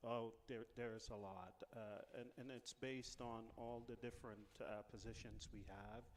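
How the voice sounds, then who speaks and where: Guy from the bahamas answering questions, lots of uh pauses, mid voice, roomy echo. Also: medium pitch. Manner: relaxed, many "uh" pauses. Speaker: casino executive guest. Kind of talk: interview answers.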